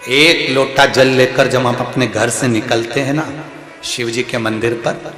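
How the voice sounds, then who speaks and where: Bright-voiced man preaching in echoing hall. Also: mid-range voice, steady tone, measured pace, faint music behind. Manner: emphatic, rhythmic repetition, rising exhortations. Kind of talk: devotional scripture sermon. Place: large live gathering hall. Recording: reverberant hall sound.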